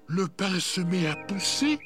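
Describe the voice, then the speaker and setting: Storybook wolf, hungry and impatient, drawls every word, soft music underneath, as the reader puts him on. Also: mid-range voice, big pitch swings. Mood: excited. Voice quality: drawn-out, greedy exclamations. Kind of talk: storybook reading.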